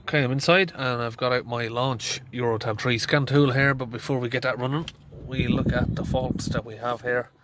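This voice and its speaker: Speaking at a moderate pace with hardly any pauses, a middle-aged mechanic talks through a casual diagnosis in a van. His mid-range voice, congested by hay fever, has fairly even intonation, and he thinks aloud plainly with fillers. The background is noisy.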